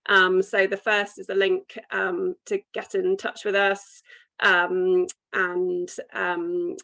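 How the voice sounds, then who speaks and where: Polite, creaky-voiced British woman hosting webinar. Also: on the low side, monotone, slow, bright, forceful tone. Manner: polite, businesslike conference-call delivery. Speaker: webinar presenter. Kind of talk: online sales presentation with questions.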